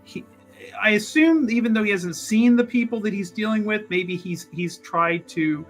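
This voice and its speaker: A fairly high-pitched man narrates his choices in a tabletop roleplaying game at a moderate pace, with gentle music in the background. He rambles casually and revises his wording as he reasons things out aloud.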